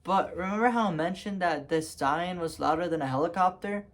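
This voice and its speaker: A man's voice: high voice, brisk, fairly bright tone. Young guy vlogging a storytime, rambly, lots of ums and restarts, laughs at his own story. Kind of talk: casual storytime.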